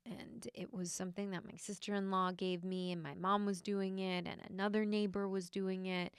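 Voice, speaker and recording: A young adult woman, a podcast host and healer, tells a personal story in a soft, reflective, hesitant way, with frequent fillers. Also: lowish voice, smooth, dry recording, studio quality.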